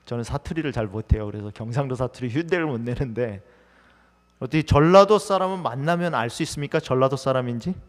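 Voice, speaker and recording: Using a mid-range voice at normal speed, a man preaches a sermon in a church sanctuary. He keeps it conversational and questions the congregation often, while long hall reverb trails his words.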